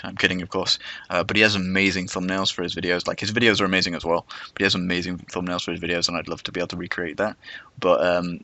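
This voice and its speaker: Low voiced guy w whistly s sounds, rambly self-deprecating game dev narration, really dry close sound. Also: sharp tone, no room sound. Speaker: game developer and video narrator. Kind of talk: unscripted devlog narration.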